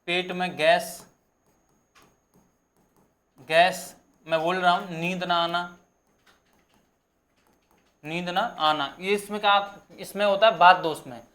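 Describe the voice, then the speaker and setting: A young man teaching an exam-prep lesson, repeating each term slowly so students can write it down. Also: high voice, a bit bright. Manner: repetitive, dictating terms slowly for notes.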